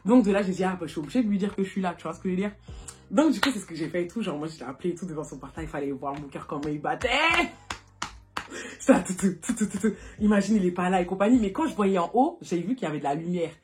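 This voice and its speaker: Fast-talking chatty young woman. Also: fairly low pitch, music in the background. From France. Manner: animated, chatty, lots of fillers and laughs. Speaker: vlogger. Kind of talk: casual storytime. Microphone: phone.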